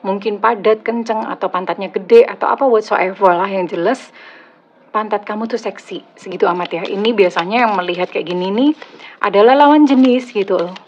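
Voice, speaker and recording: Indonesian woman tarot reader, slightly husky, chatty and teasing, casual one-to-camera reading, a bit lo-fi. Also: mid-range voice, a little fast. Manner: chatty, teasing, laughs at own jokes. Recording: slightly dull lo-fi audio.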